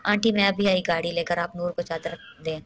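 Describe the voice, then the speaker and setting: A woman voicing a caring, anxious young woman who soothes her friend, in a low, flat voice. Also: brisk, a little hiss or hum, lightly acted. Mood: worried.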